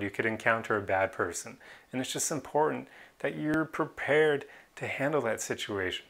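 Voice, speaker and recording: Gravelly-voiced man, earnest vlog talk. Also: mid-range voice, a bit bright. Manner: earnest, opinionated, laughs now and then. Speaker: vlogger. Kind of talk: casual opinion monologue.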